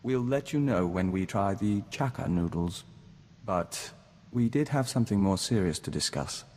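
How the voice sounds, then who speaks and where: Acting out scripted game lines, a man voices a calm diplomat linked to an insect hive mind, speaking of himself as "we" in a formal, measured way. His lowish, slightly mellow voice moves at a moderate pace with lively intonation, earnest and thoughtful, recorded in a reverberant hall with clear background noise.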